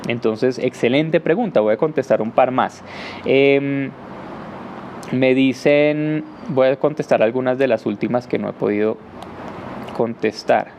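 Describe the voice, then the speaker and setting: In a live Q&A English lesson, a man with a medium-pitched, darkish voice explains things patiently at a measured pace, saying "eh" often and demonstrating rhythms with "ta ta ta". A little hiss or hum can be heard.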